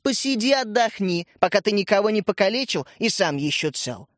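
A man voicing a mocking, sharp-tongued woman dance teacher in a children's story. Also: sits high, sing-song, normal speed, dry recording, studio quality.

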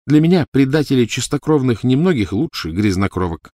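A man's voice: medium pitch, big pitch swings, brisk, mellow, no room sound, pitched above the performer's own voice, natural voice. A fierce, half-mad witch barks orders in a raised, strained voice, done by a man narrating. The storybook reading is dry and close. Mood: commanding. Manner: hissing, commanding, rising to shrieks. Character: shrill, frantic, cruel witch woman.

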